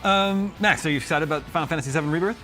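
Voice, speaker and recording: A man's voice: fairly high pitch, fast, bright, forceful tone, soft background music. A man hosting a gaming panel in casual chat, easygoing and hesitant with fillers.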